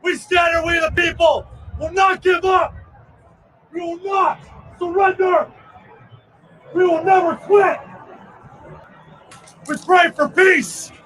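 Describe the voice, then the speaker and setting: Man shouting high and bright outdoors. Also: fairly even intonation, slow pace, pauses often. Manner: shouting slogans in short bursts. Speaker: rally speaker, veterans' group organizer. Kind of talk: impassioned protest speech. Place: outdoors at an urban rally. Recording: distant outdoor recording with crowd noise. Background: crowd and street noise.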